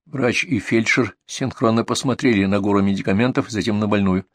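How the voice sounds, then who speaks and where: A man narrating an audiobook in an even, descriptive reading style. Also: fairly low pitch, a little fast, dry recording. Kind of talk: scripted narration.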